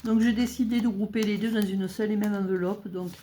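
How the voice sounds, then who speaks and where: A middle-aged woman chatting casually as she fills budget envelopes, counting money aloud and thinking out loud with little hesitations. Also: medium pitch, fairly even intonation, fairly quick, a little hiss or hum. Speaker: budgeting vlogger. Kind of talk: casual talk while filling cash envelopes.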